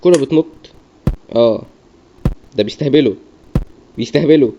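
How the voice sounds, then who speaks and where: A man's voice: mid-range voice, a little fast. A young man with an Egyptian Arabic accent, commentating his gameplay as he mutters repeated self-coaching. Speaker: gamer. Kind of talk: gaming commentary. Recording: dull lo-fi mic, faint noise.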